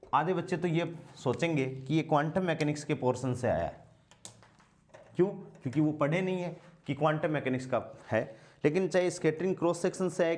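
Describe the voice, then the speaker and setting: A man teaching a physics class, asking rhetorical questions and answering them himself, and slowing down to dictate while he writes. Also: on the high side, darkish tone. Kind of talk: blackboard lecture.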